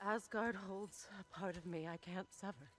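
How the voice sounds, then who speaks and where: An actress playing a grim, resolute warrior woman in a game cutscene, speaking with bitter, measured hardness. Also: mid-range voice, soft background music, lightly acted.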